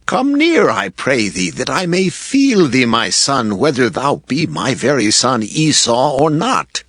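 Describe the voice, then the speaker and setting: An actor playing a frail, solemn old father in a dramatized scripture reading, with halting, drawn-out delivery. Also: medium pitch, very animated, fairly bright tone, no echo, studio quality, full character voice. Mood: doubtful, searching.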